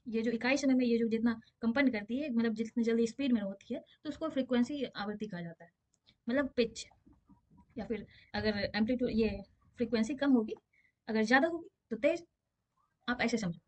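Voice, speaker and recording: A woman's voice: on the high side, fairly quick. A woman physics teacher giving a casual exam-prep lesson, explaining with everyday examples and often checking that her students understand.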